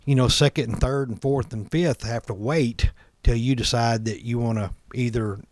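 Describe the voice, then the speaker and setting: A man with a mid-pitched voice co-hosts a show, recorded dry and free of room sound. He speaks to the viewers in an informal, conversational way. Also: fairly even intonation, normal speed, no echo. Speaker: show co-host. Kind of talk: casual chat, addressing viewers.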